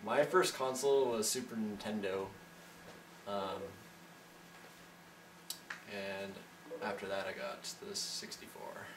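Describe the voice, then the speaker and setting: A man in his twenties speaks plainly about his studies in a fairly low voice. The room echoes, and the mic sits some way off. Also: slow pace, pauses often, distant mic, noisy background. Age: 20s. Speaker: college student. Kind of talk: casual self-introduction.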